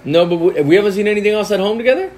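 A man's voice: high-pitched, background noise. A man chatting casually at home with his kids, playful and teasing, often cutting in. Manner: playful, teasing, quick to interrupt. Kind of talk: casual family chat. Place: at home indoors.

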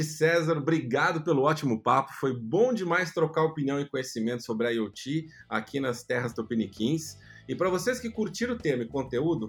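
A man's voice: on the high side, fairly bright tone. A man with a Brazilian Portuguese accent, a podcast host delivering an upbeat, scripted closing to the episode.

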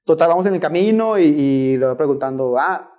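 A young man tells a story in casual podcast chat, animated and full of slang. His voice sits a touch high for a man. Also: brisk, dull audio. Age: young adult. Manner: slangy, animated, says "güey" often. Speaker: rideshare driver guest.

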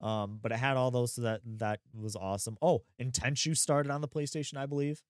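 A man's voice: mid-range voice, steady tone, a little fast, no echo. Guy in his 30s rambling about games on a podcast, lots of ums, dry close mic. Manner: rambling, lots of fillers and laughs. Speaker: podcast co-host. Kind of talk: casual chat.

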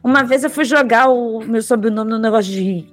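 A woman chatting casually with friends, teasing and lively. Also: fairly high pitch, a little fast, dry recording, soft background music. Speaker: podcast participant. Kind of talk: casual group chat.

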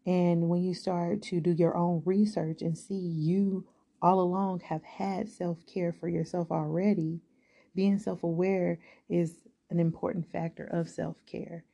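A woman's voice: fairly low pitch, little pitch movement, unhurried, creaky, warm tone, breathy edge. A young woman hosting a solo podcast, talking candidly and reflectively in a conversational way with plenty of fillers. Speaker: podcast host.

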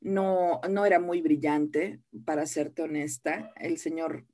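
An older woman with a fairly low-pitched voice. She reminisces in an interview as a dubbing director and voice actress. Her storytelling is lively and self-deprecating. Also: slow.

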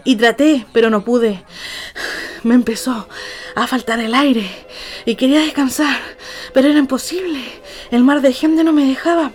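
A young Chilean woman with a Chilean accent, telling a story casually in an animated, slangy way. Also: high-pitched, normal speed, pauses often. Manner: animated and slangy, acts out quotes.

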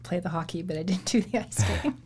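A woman guest on a podcast, originally from Georgia and raised in Saskatchewan. Her voice sits a little low for a woman, and she tells her stories chattily, laughing often and slipping into soft, breathy asides. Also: big pitch swings, moderate pace, a little hiss or hum. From born in Georgia, USA, raised in Saskatchewan, Canada. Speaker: interview guest. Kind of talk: casual conversational interview.

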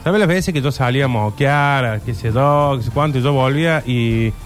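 A man's voice: medium pitch, moderate pace, soft background music. A man co-hosting a casual radio talk show, rambling through anecdotes and losing his thread. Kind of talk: casual studio chat.

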